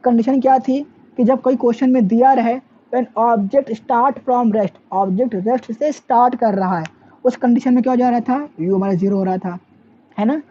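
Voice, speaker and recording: A woman's voice: fairly high pitch, fairly quick, mellow. Lo-fi recording of a woman teaching physics. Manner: asks questions and answers them herself; mixes English terms into Hindi. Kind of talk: classroom lecture. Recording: dull lo-fi sound with faint background noise.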